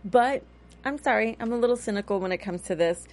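A woman in her thirties hosting a casual TV recap chat, talking in a chatty, animated way with a touch of cynicism. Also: fairly high pitch, fairly quick. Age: 30s. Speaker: host.

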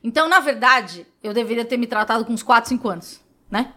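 Brazilian woman guest, slightly high voice, expressive storyteller who laughs and swears freely. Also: fast talker. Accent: Brazilian Portuguese. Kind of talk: candid interview storytelling.

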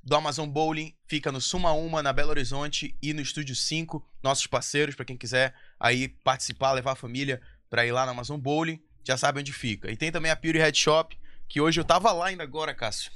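A male podcast host from Brazil speaks in a bright, forceful voice, pitched a little high. His delivery is casual, slangy and joking, whether chatting or reading out sponsors. The sound is dry and close. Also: fairly even intonation, a little fast, no room sound.

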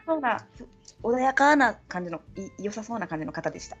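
A woman from Saga with a Kyushu dialect, hosting a podcast in casual chat and quickly chiming in agreement. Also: a little high, lively intonation, slightly rough, highs cut off, faint music behind. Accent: Kyushu dialect, Chikugo-tinged. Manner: chatty, quick agreeing interjections. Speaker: podcast host.

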